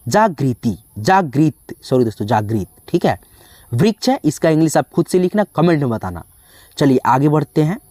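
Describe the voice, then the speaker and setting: A teacher slowly spelling out words one letter at a time, often calling the listeners friends. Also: medium pitch, a little mellow, dry recording. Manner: slow, drawn-out spelling with frequent "dosto". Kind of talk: spelling lesson.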